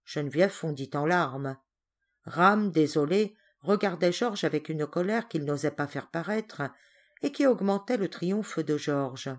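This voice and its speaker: A woman reading a children's novel aloud as audiobook narrator, slow and expressive. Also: low voice. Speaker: audiobook reader. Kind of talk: storybook narration.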